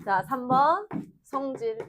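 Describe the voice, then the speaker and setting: A woman math teacher giving a lively classroom lesson, constantly asking her students questions. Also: high voice, slow pace, background noise. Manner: lively, addresses students directly with frequent questions.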